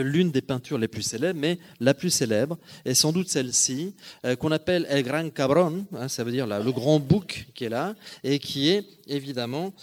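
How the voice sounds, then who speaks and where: A man's voice: medium pitch, a little mellow. A man giving a slide lecture on art history, talking in a digressive way with frequent hesitations and self-corrections, often turning to the audience to check they follow. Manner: addresses audience directly, checking understanding.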